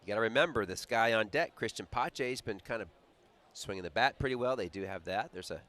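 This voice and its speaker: A man's voice: fairly low pitch, a little fast. Chatty man calling a baseball game. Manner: chatty, animated storyteller with a laugh. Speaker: play-by-play announcer. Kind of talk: baseball broadcast commentary.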